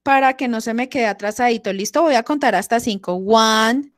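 A woman teaching English to young children on a video call, affectionate and slow in her pronunciation drills. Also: fairly high pitch, dry recording, clean studio sound. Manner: affectionate, calls pupils "amor". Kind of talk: online class for young children.

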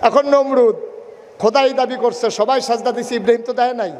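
A man preaching a humorous sermon, telling a story and calling out to the crowd, sometimes shouting. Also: very high-pitched, steady tone, fast, echoey room, long reverb tail.

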